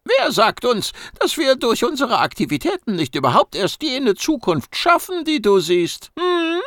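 Squeaky cheeky mouse-beaver Gucky. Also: male voice, wildly swooping pitch, a little slow, fairly bright tone, dry recording, studio quality, exaggerated voice. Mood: teasing. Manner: squeaky, teasing, boastful. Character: cheeky small male mouse-beaver alien, telekinetic. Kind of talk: audiobook reading.

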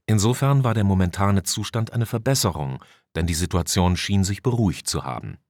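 A male audiobook narrator with a very deep voice, reading in an even, measured way. The recording is close and completely dry. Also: no echo. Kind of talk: scripted narration.

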